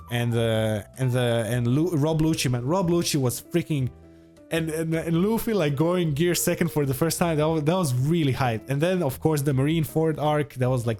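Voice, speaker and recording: A man's voice: on the high side, dark tone. A man in his twenties with a Croatian accent, chatting casually and with opinions as he answers viewers on a livestream. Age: 20s. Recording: music behind the voice. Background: music.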